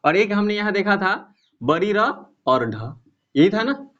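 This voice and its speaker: A man's voice: high voice, sing-song, slow, a bit bright, lo-fi sound. A man teaching a Hindi grammar lesson to students, patiently asking the class rhetorical questions as he explains.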